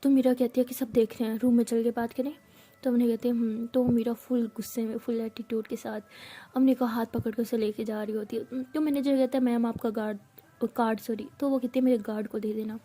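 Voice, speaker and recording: A woman tells a romance story in a casual, chatty way, voicing each character as she goes. Her voice is mellow and a little husky, sitting slightly high for a woman. She slips into soft whispers for the tender moments. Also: flat delivery, a little fast. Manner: retells a romance, acting out each character's lines. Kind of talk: casual spoken storytelling with acted dialogue.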